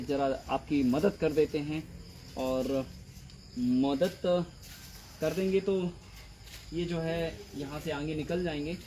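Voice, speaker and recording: A man's voice: on the high side, a little mellow. A man leading a farming training session outdoors, patiently talking trainees through the work and repeating his words as he goes. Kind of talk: outdoor field instruction. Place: farm field outdoors. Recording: faint outdoor insect noise.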